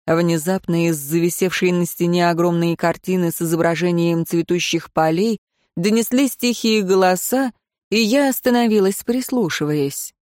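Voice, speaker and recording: A woman reading a first-person fantasy story in a calm, measured narration. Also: fairly low pitch, no room sound, studio quality. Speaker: audiobook narrator.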